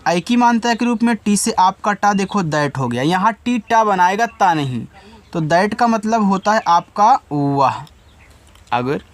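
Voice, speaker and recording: A man teaching beginners to read, patiently spelling words out letter by letter and speaking directly to the student. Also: high voice. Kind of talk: spelling and reading lesson for beginners.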